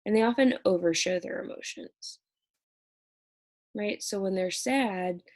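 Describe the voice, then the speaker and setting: A woman's voice: mid-range voice, unhurried, a little mellow. A woman instructor talking through an exam review lecture in a conversational way, checking in often with "right?".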